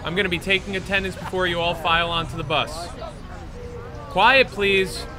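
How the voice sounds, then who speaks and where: A man's voice: high-pitched, moderate pace, natural voice. An actor playing a strict, impatient male teacher who herds students onto a school bus, stern and dryly exasperated in an amateur audio drama. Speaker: teacher chaperone.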